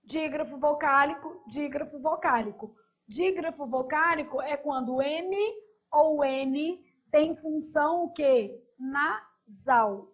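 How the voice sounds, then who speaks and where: A woman teacher with a high voice works through exam questions step by step in a recorded review lesson, often checking in with short tag questions. The recording sounds muffled.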